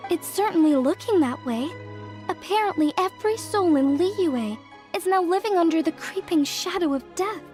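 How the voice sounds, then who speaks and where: A young woman with an extremely high, expressive voice and a darkish tone speaks at normal speed, voicing an earnest craftswoman of a fortune-telling clan in a video game. Her explanations are modest and careful, heard over faint music in a cutscene.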